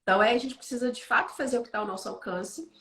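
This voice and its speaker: Fast-talking woman teaching with lively tags. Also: on the high side. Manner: animated storytelling, frequent "né?" tags. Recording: roomy echo.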